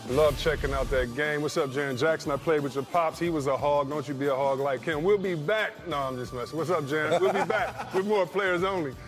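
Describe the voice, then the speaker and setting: A man's voice: on the high side, brisk, hardly any pauses, music in the background. A man hosting a sports talk show, joking and teasing his co-hosts and laughing often. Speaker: studio host. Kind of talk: casual sports chat.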